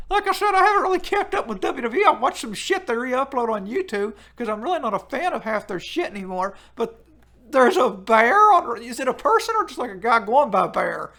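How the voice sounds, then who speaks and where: A man doing a crude, excitable wrestling-obsessed loudmouth with a strikingly high voice that swoops up and down. He swears freely and bursts into sudden squeals of disbelief while chatting through a live stream. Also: heavily acted. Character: brash loud-mouthed male wrestling fan persona. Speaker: livestream host reading chat.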